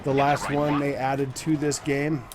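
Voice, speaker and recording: A man's voice: medium pitch, completely flat delivery, a little slow, background noise. A man in his forties hosting his gaming channel, chatting casually and rambling with many fillers while he plays a racing game. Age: 40s. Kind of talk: casual commentary while playing. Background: racing game engine sounds.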